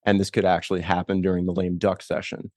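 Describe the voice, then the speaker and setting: Deep-voiced man asking rambling questions. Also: level tone, quick pace, darkish tone, no echo, clean studio sound. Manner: rambling questions with many "you know" and "right?" fillers. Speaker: interviewer. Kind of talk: conversational interview.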